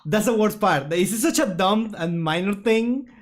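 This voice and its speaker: A man reacting to a video with amused, quick comments. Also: high-pitched, expressive. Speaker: channel host reacting.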